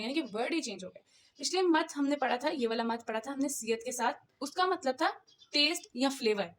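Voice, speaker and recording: A woman's voice: high-pitched, a little hiss or hum. A woman teaching an online language lesson, patiently explaining step by step and repeating each word. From Pakistan.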